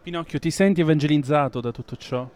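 A man's voice: fairly high pitch, fast, a little mellow. A man co-hosting a comic show, chiming in with dry jokes and steering the segments. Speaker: co-host. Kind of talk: comic podcast banter.

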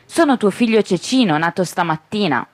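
A woman voicing a tiny eager boy born from a chickpea, in a high squeaky voice. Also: animated, moderate pace, no echo, close to an everyday voice.

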